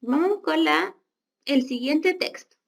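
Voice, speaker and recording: A woman's voice: high-pitched, takes it slowly, gravelly. A woman teacher with a Chilean accent going over quiz answers and reading a story aloud to students, stopping to explain words. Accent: Chilean Spanish. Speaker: school teacher. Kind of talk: classroom feedback and reading aloud.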